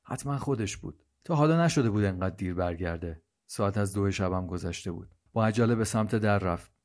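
Low-voiced guy narrating a story, slow and hushed, measured. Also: lively intonation. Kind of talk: scripted narration.

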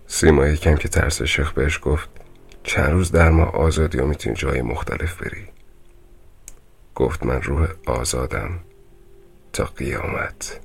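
Man voicing a grim horror-drama storyteller, very deep, husky, slow and hushed. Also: fairly even intonation, faint music behind, full character voice. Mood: dread. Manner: slow, hushed, often whispering. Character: grim older man in a hospital, warning a visitor. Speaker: storyteller recounting a ghost encounter. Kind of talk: first-person horror radio drama.

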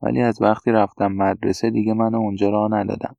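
Brief: a man playing a soft young man raised by women, confessional, gravelly low tone. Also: little pitch movement, no room sound. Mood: confiding. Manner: quiet, confessional recounting. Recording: dull, dry lo-fi recording.

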